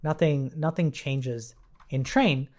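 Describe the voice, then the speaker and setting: This coding tutorial comes from a man of medium pitch and darkish tone who talks slowly. He demonstrates on screen informally, musing aloud and regularly checking that the listener follows.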